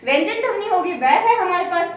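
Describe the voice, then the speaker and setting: High-voiced woman teaching in an echoey room. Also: expressive, fairly quick, recorded from a distance, highs cut off. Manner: asks questions and answers them herself, repeats key words. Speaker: Hindi grammar teacher. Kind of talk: classroom-style lesson.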